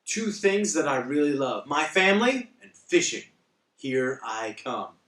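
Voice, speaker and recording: A man preaching a devotional Bible teaching, telling humorous stories with wry asides. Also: high voice. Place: church. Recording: echoey room, speaker far from mic.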